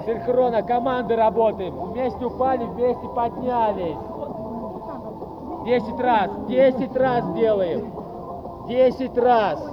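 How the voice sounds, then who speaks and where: A man's voice: very high voice, slow pace. A man coaching a group workout in a commanding gym-bro manner, counting reps and repeating short motivating orders. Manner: commanding, repetitive gym-bro style motivating drill calls. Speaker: fitness coach leading a team training. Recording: noisy outdoor recording, muffled, lo-fi.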